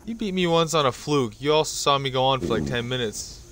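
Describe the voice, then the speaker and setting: A man's voice: mid-range voice, fairly quick, noisy background. A young man joining a friend's game stream, teasing and swearing freely in casual banter. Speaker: co-player. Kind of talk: casual gaming chat with friends.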